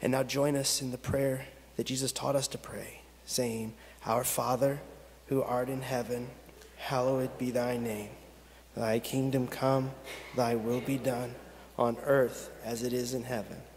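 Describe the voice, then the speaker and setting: Slow-praying pastor in a reverberant sanctuary. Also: male voice, medium pitch, flat delivery, darkish tone, slight background noise. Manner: slow, measured prayer cadence with long pauses. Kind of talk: pastoral prayer and scripture reading. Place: church sanctuary at a pulpit. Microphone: pulpit gooseneck microphone. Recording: long reverb of a church sanctuary.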